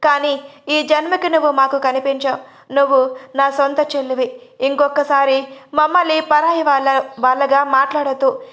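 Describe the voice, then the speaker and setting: A woman's voice: high voice, little pitch movement, normal speed, a bit bright. A woman voicing a stern, protective elder brother. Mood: firm. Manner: firm, earnest.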